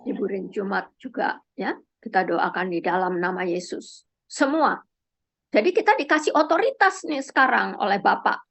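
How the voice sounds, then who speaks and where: A woman leading an online prayer meeting on a video call, calling on each person gently by name. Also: medium pitch, expressive, moderate pace, gravelly.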